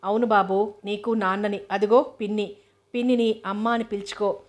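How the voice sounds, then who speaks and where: A tender male doctor comforts a child in soft, consoling words. A woman storyteller voices him with a level, unvaried tone in this novel reading. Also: medium pitch, little pitch movement, normal speed, close to an everyday voice.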